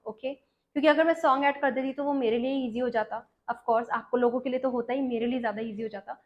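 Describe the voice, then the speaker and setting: A woman dance teacher with an Indian accent who switches between Hindi and English, counting beats aloud and explaining steps quickly. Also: high-pitched, highs cut off. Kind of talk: dance tutorial, counting steps and singing lyrics.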